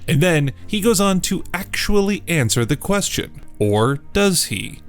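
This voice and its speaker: A man giving lively, wisecracking scripted narration between comedy clips. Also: sits high, measured pace, soft background music. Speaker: video narrator.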